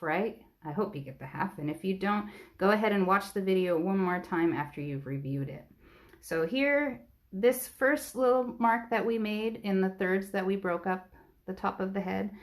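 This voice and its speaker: A woman art teacher giving a patient, step-by-step drawing lesson on a live stream. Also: on the low side.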